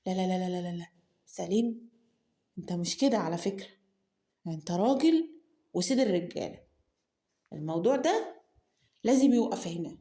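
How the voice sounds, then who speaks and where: A woman's voice: lowish voice, expressive, fairly quick, long pauses, warm tone, reverberant, lightly acted. A woman with an Egyptian accent voicing a proud, bossy young male businessman who scolds himself under his breath. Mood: self-scolding. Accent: Egyptian Arabic. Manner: self-scolding muttering, sudden mutters under breath.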